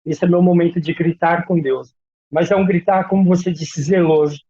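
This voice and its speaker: A man's voice: on the high side, steady tone, normal speed, warm tone, breathy edge, muffled recording. A man speaking as a missionary guest in an interview, giving an earnest, testimony-like account. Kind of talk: interview talk.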